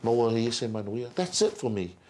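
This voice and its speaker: A middle-aged man with a Samoan accent, talking casually as an interview guest, with frequent pauses and repeats. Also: medium pitch, lively intonation, a little mellow, a little hiss or hum. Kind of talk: casual interview talk, mixing Samoan and English. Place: indoor interview set.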